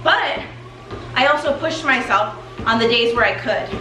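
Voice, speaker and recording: A woman's voice: a little high, moderate pace, pushed and bright. A woman in her thirties giving a motivational chat as a weight loss coach while walking in place for exercise, recorded indoors. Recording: echoey room with music underneath. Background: music.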